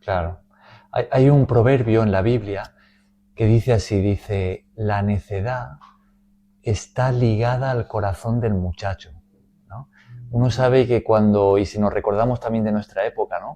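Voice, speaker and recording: A man teaching a Bible study in a measured way, often checking in with "¿no?". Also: fairly low pitch, fairly even intonation, mellow. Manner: measured, frequent "¿no?" tags.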